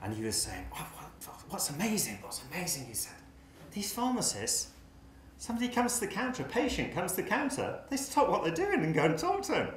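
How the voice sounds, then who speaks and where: A man's voice: sits high, brisk, slight background noise. A man in his sixties with an English accent, giving a conference speech at a lectern in a lecture hall, wry and impassioned, talking with his hands. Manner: animated, gesturing, wry and impassioned. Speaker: pharmacy academic speaker.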